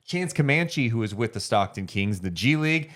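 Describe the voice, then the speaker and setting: A man co-hosting a casual basketball podcast, joking one moment and briskly running through roster details the next. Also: mid-range voice, expressive, a bit bright. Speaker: podcast co-host. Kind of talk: casual sports chat.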